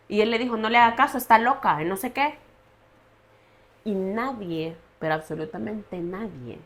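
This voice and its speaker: Creaky-voiced woman, halting. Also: medium pitch. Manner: earnest, halting, confessional. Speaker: guest sharing her story. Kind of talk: personal testimony in a podcast interview.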